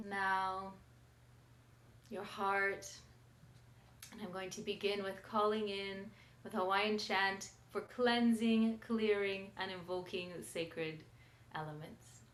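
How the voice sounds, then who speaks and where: A woman sound healer leading a guided meditation in a soft, trailing voice. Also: medium pitch. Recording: roomy with faint rattle music.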